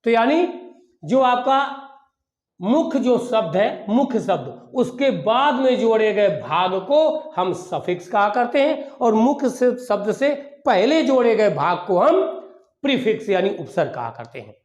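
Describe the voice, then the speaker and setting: A man's voice: high-pitched, very animated, a little slow, a little mellow. A male teacher giving a grammar lesson, repeating key points and asking questions that he answers himself. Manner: repetitive, asks and answers his own questions. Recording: echoey room.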